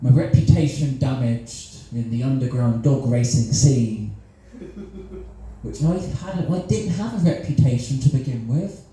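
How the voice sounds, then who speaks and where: Brief: Cornish male improviser, mellow dark voice, self-mocking, in a very echoey live room. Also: medium pitch, measured pace. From Cornwall. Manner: self-deprecating, chuckles at his own jokes. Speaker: improv comedian. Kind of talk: solo improvised stand-up storytelling. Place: small live comedy venue with audience.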